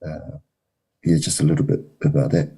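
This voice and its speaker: A man from New Zealand, a wrestling coach, answering interview questions in a measured way with frequent ums and uhs. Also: extremely low pitch, fairly even intonation, mellow, slightly rough.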